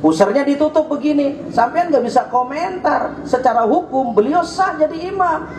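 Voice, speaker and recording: Brief: Betawi-accented male preacher, very high voice, joking delivery, echoey hall with faint hum. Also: expressive, normal speed. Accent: Jakarta Betawi. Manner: joking, rising to shouts at points. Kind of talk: sermon. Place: mosque or prayer hall.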